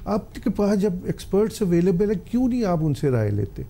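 A man's voice: high voice, very animated, moderate pace, warm tone. An older man, a cancer specialist on a TV health talk show, giving earnest, pleading advice to the public. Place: TV studio.

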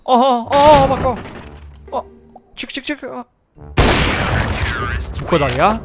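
Excitable young man shouting over gameplay. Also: very high voice, unhurried, a little hiss or hum. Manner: excitable, jokey, shouts during fights. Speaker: gaming YouTuber. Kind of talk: gameplay commentary. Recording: game audio with music and gunfire behind. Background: music and gunfire.

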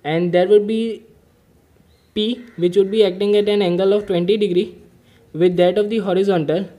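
A man's voice: high voice, fairly even intonation, normal speed, warm tone. A man explaining an engineering mechanics problem step by step while drawing diagrams, methodical and patient. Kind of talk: whiteboard-style problem-solving lesson.

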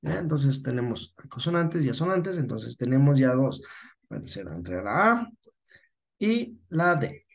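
Teaching an online lesson with patience, this Ecuadorian-accented man frequently corrects himself and makes sure his students are keeping up. His medium-pitched voice is gravelly and sing-song, at a measured pace.

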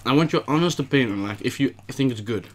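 A man's voice: mid-range voice, expressive, fast talker, slight background noise. Laid-back young man chatting in an attic. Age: young adult. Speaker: host. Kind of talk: casual mukbang chat. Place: small warm attic room, indoors.

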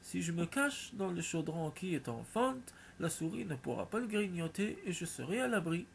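A man voicing a frightening, greedy female ogress from a folk tale, loud and demanding. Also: high-pitched, very animated, moderate pace, creaky, a little hiss or hum, full character voice. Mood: panicked.

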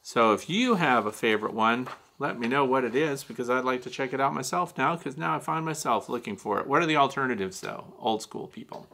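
A man's voice: mid-range voice, lively intonation, a little fast, creaky, few pauses, pushed and bright. An older man hosting a beekeeping show, talking casually to camera from a small home studio with frequent fillers and wry asides. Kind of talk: casual advice talk to camera. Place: small home studio with shelves and neon sign.

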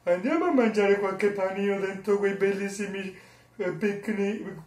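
A man imitating a goofy, simple-minded, hungry cartoon bear who talks slowly and chuckles "eh eh". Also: high-pitched, darkish tone, pitched above the performer's own voice. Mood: cheerful. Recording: roomy echo, mic far off.

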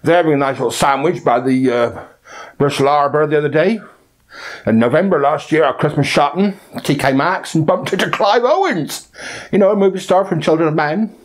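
A man's voice: a little high, brisk, natural voice. A man voicing a blunt, gossipy local woman, rambling through a spoof news report. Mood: offhand gossip. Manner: offhand, rambling, hesitant name-dropping. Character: blunt, gossipy Bristol woman, celebrity-spotting local correspondent.

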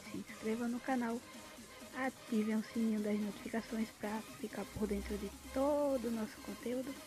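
A woman's voice: fairly high pitch, fairly even intonation, moderate pace. A Brazilian woman giving an unscripted demonstration of an app as a tutorial host. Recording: music playing behind the voice. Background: clear background music.

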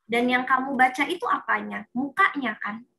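A woman therapist talks a parent through things step by step in a consultation, animatedly acting out what a child might say. Her voice is high, with vocal fry, at a normal speed.

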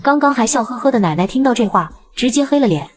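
A woman narrating a cartoon story in a brisk, dramatic storytelling way. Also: fairly high pitch, expressive, crowd noise.

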